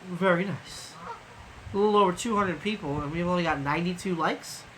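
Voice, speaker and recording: Drowsy rambling trucker on a live stream. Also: male voice, sits high, brisk, slight background noise, rough recording. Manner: rambling, loose, swears casually, many fillers. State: sleepy, yawning. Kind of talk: casual live-stream chat.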